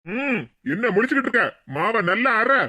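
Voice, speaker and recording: A man voicing a bossy older husband in a cartoon, gruff and commanding, with a southern Tamil Nadu accent. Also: very high-pitched, brisk, bright, forceful tone, slight background noise, full character voice. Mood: mocking. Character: bossy older husband and father-in-law turned stern. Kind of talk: cartoon voice acting. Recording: dull, dry lo-fi sound.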